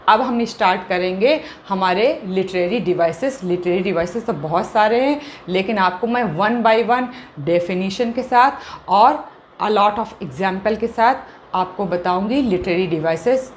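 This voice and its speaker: Slow emphatic teacher, woman. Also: medium pitch, slight background noise. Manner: emphatic, drawn-out key words, keeps asking "clear?". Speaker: English teacher. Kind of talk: classroom lesson, Hindi-English mix.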